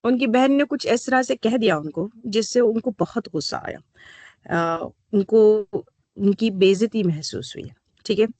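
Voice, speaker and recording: Female counsellor, workshop speaker, unhurried storyteller who mixes languages and fills pauses, dry close sound. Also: mid-range voice, warm tone, no echo. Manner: storytelling, mixes English phrases with pauses and fillers. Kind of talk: online workshop talk.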